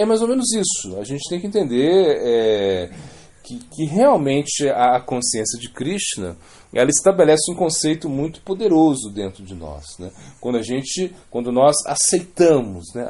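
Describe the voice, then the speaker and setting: Lively, mellow-voiced Brazilian preacher. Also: male voice, mid-range voice. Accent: Brazilian Portuguese. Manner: conversational, keeps adding "né?" and restarting phrases. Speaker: devotional speaker. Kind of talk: spoken religious talk with storytelling.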